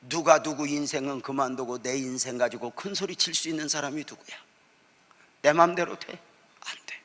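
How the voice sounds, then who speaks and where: A male senior pastor preaching a sermon, telling a personal story and moving between hushed whispers and loud shouts. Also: mid-range voice, moderate pace. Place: church sanctuary. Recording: long church hall reverb.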